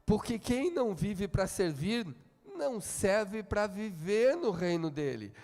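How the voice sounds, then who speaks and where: A Brazilian man preaching a sermon in a church, calling on the congregation to repeat after him and swinging between quiet talk and shouting. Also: high voice, very animated, takes it slowly, big-room sound. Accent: Brazilian Portuguese. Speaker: pastor. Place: church hall.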